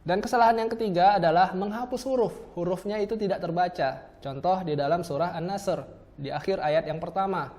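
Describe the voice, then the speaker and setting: A man teaching pronunciation, patiently demonstrating sounds slowly and repeating them in pairs. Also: sits high, darkish tone. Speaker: Quran recitation teacher. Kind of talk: instructional lesson on letter pronunciation.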